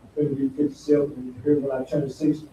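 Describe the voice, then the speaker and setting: A man in his fifties giving a plain, halting testimony to a recovery group, pausing often. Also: mid-range voice, little pitch movement, dark tone, roomy sound, far from the mic, highs cut off, slight background noise. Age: 50s. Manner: plain, halting, repeats himself with many "uh"s. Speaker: recovery house resident. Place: recovery house meeting room.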